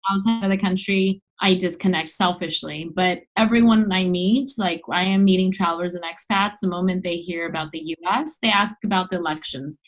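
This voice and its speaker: Speaking briskly with hardly any pauses, a woman with a lowish voice chats candidly and at length in a casual interview. She is a mid-thirties travel blogger from Los Angeles with an American accent, and the recording sounds rough.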